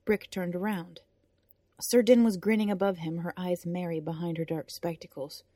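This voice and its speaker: A woman reads a serialized fantasy story aloud, expressive and steady. The recording is close and dry, with no room sound. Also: fairly low pitch, normal speed, dry recording. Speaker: narrator of a serialized story podcast. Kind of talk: audiobook narration.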